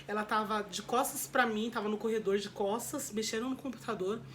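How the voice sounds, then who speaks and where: A vlogger with a Brazilian Portuguese accent shares a personal story with her viewers, her medium-pitched voice brisk and fairly even in intonation over slight background noise. She is candid and emotional, repeating herself and calling her audience "gente".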